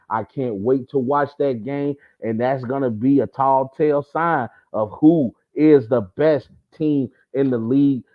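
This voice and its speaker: A man hosting a sports talk show, talking casually and emphatically in slangy speech that builds to excited outbursts. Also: mid-range voice. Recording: tinny phone-like sound.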